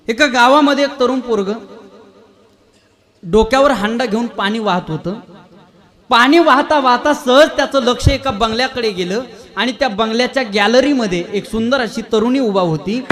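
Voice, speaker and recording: High-voiced animated man telling a comic sermon. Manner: animated, teasing, quizzes the audience. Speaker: kirtan preacher. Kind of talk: humorous kirtan storytelling.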